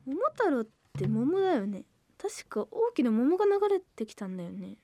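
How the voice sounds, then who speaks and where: A woman's voice: a little high, big pitch swings, normal speed, mellow, no echo, highs cut off. A woman playing a schoolgirl who reacts with quizzical, muttered asides while reading a strange book. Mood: puzzled. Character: puzzled schoolgirl reading in a library.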